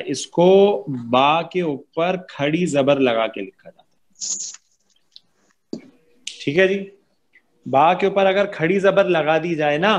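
Patient male Tajweed teacher. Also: fairly high pitch. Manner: patient, explains rules step by step and models sounds. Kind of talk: online class lecture.

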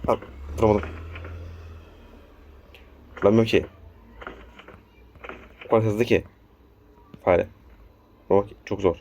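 A man's voice: on the low side, steady tone, takes it slowly, pauses often, darkish tone, a little hiss or hum. A young man casually commenting on a horror game as he plays, urging the characters on and scolding the enemy. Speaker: gameplay commentator. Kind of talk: casual let's-play commentary.

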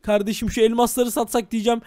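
High-voiced, fast-talking game host. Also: male voice, little pitch movement, a little mellow, no echo, clean studio sound. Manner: dramatic, exclaiming to viewers. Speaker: game video host playing village head. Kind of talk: game role-play narration.

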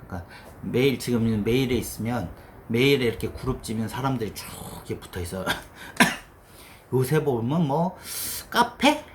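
Blunt, animated middle-aged male developer. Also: mid-range voice, normal speed, slight background noise. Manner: blunt, teasing, swears casually; voices his past self and others in quoted asides. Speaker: developer giving career advice. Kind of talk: casual lecture.

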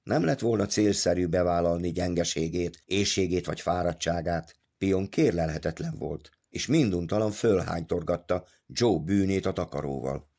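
Deep gravelly male audiobook narrator. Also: darkish tone. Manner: measured storytelling. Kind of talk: scripted narration.

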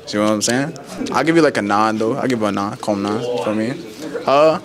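A man's voice: on the low side, fairly quick. A man hosting a casual street rating game, with laid-back, slangy banter. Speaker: host. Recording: loud crowd behind.

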